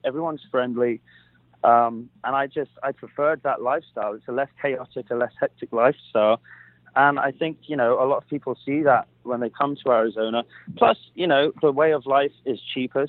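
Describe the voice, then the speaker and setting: A man's voice: medium pitch, dry recording. A British man in his thirties from England, a guest telling stories in an easygoing way and laughing now and then. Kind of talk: casual interview. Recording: tinny phone line.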